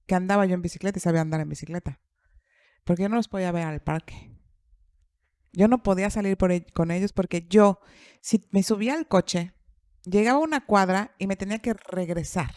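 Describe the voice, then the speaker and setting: A woman's voice: medium pitch, brisk, a little mellow, no room sound, clean studio sound. A middle-aged woman telling a personal story in casual podcast chat, repeating phrases for emphasis. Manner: acts out quoted dialogue. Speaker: podcast speaker.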